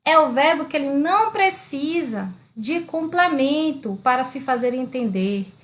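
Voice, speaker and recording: A woman's voice: high-pitched, expressive, a little slow. A woman with a Brazilian Portuguese accent teaching an online grammar lesson. She asks questions and answers them herself, often checking in with her students. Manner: keeps checking in with "beleza?" and "tá?".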